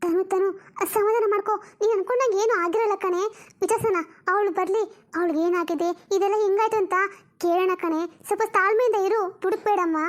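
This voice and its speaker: A woman voicing a stern older mother-in-law in an animated drama, firm and lecturing. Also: very high voice, brisk. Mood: soothing.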